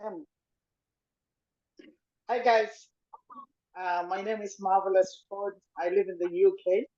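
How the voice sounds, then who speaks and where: A man's voice: high-pitched, steady tone, slow pace, mellow, lo-fi sound. A man speaking from a hospital bed over a video call, upbeat and casual. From Zimbabwe. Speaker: business owner sharing a testimonial.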